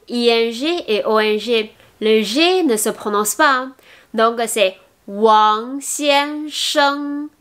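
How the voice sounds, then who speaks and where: Slow, patient teacher woman. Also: a little high. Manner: clear, slow demonstration of pronunciation, patient. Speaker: Mandarin teacher. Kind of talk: language lesson video.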